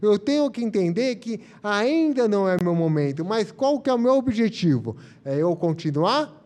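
A man's voice: high-pitched, big pitch swings, normal speed, darkish tone. A man giving a live spiritist lecture, reflective and explaining through first-person examples. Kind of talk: live religious talk.

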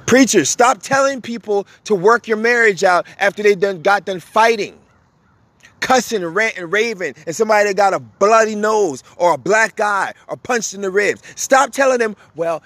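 Fiery, high-voiced man ranting bluntly. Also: animated, moderate pace, a bit bright, no room sound. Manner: fiery, blunt and profane, preaching hard; emphatic, repeats points for force. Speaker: podcast host. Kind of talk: impassioned monologue.

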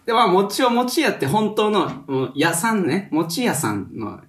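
Teasing man with a lively voice. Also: high-pitched. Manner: teasing, laughing, quick questions. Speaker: podcast co-host. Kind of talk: casual chat.

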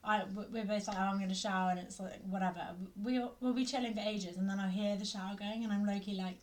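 A young woman, co-hosting a podcast in casual chat, giggly and animated as she tells stories. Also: mid-range voice, brisk. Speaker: podcast co-host.

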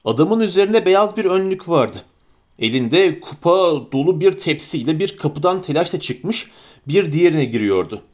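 A man with a notably high voice reads an audiobook. He tells the story at a measured, even pace. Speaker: narrator. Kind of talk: audiobook reading.

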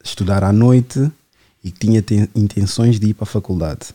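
A man, hosting a podcast in relaxed, chatty conversation and asking questions. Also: lowish voice, moderate pace. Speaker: podcast host. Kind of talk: casual podcast chat.

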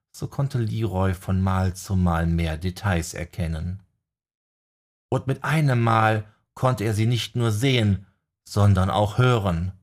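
A man reading a dark fantasy story aloud in measured, dramatic narration. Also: fairly low pitch. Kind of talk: scripted audiobook narration.

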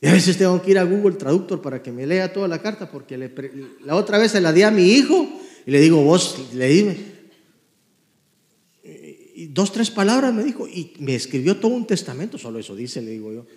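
A man delivering a sermon in a high, bright voice. He swings from loud, fervent exclamations to hushed storytelling. The sound rings around an echoey church hall. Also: animated, fairly quick. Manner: fervent preaching, rising to loud exclamations then dropping to quiet storytelling. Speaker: pastor.

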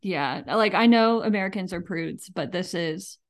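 A woman's voice: on the low side, animated, normal speed. A woman co-hosting a podcast in informal, chatty talk peppered with "like". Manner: informal, uses "like" often. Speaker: podcast co-host. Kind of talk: casual chat.

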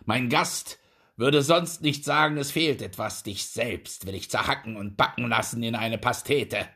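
Pompous storybook duke, a man putting him on, raised voice, bellows and threatens, husky edge. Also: mid-range voice, animated, a little slow, exaggerated voice. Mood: furious. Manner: loud, pompous, commanding. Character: proud, hot-tempered old duke.

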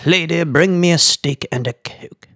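A joke teller voicing a bewildered English tourist man with dry, deadpan complaints. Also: mid-range voice, measured pace, creaky, dry recording.

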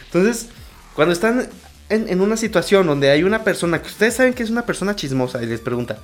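A man's voice: high-pitched, animated, fast talker. A man with a Mexican accent in a casual comedic monologue, crude and rambling, swearing constantly, jumping between topics and laughing at his own jokes.

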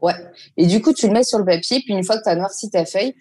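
A woman teacher casually explaining a mindfulness exercise step by step, pausing often to search for words. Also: mid-range voice, mellow. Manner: explains step by step with frequent hesitations. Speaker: teacher giving mindfulness advice.

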